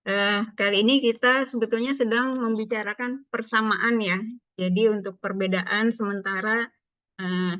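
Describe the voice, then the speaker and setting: A woman runs an online training session and guides the group with calm, orderly instructions. Her voice is middle-pitched and comes through a video call. The sound is dull and dry, with no room around it. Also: normal speed, no echo. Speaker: training facilitator. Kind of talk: leading an online group discussion.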